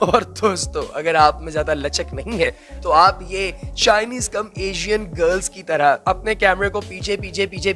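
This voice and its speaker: A man's voice: high-pitched, a bit bright. A man narrating funny video clips in a teasing, joking voice-over with rhyming quips. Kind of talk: humorous voice-over commentary on clips. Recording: faint music behind.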